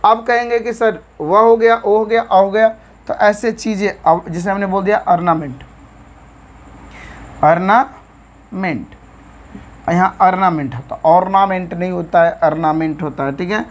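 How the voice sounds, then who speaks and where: A woman's voice: mid-range voice, moderate pace. A woman with an Indian accent teaching an English vocabulary lesson, spelling words letter by letter and often checking in with "theek hai".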